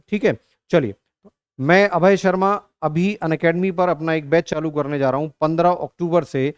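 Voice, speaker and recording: A man's voice: a little high, smooth, no room sound, clean studio sound. A man teaching an exam-prep lesson, working through arithmetic step by step and asking and answering his own questions, calling students "beta". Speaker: online reasoning teacher.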